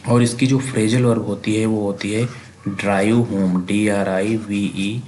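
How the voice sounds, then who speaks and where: An Indian man gives an exam-prep vocabulary lesson in a low, fairly monotone voice. He spells each word out letter by letter, asks questions and answers them himself. A faint noise sits under the recording. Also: unhurried. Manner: repetitive, asks and answers his own questions.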